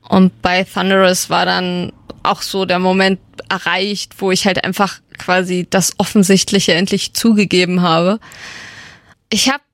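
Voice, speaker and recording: Slow-talking gravelly woman radio host. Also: on the low side, little pitch movement, dry recording. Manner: chatty, enthusiastic fan talk with many fillers. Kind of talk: casual radio chat about K-pop.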